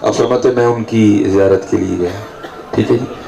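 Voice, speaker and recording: A man's voice: fairly even intonation, creaky, warm tone, rough recording. A man delivering a devotional sermon to a gathering, telling stories, and checking in with the listeners as he goes. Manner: storytelling, rising pitch for emphasis, frequent "theek hai ji" checks. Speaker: preacher. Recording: crowd heard behind voice. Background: audience at a night gathering.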